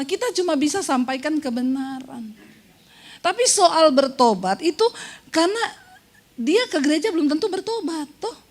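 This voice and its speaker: High-voiced teasing woman pastor. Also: a little mellow. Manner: playful, teasing the congregation, acts out quoted voices. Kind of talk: lively sermon.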